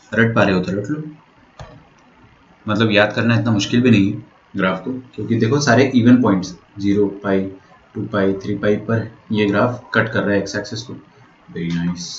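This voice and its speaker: A man's voice: fairly low pitch, normal speed. A man teaching maths in an online lecture, explaining step by step and often checking that students follow. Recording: roomy, dull lo-fi sound.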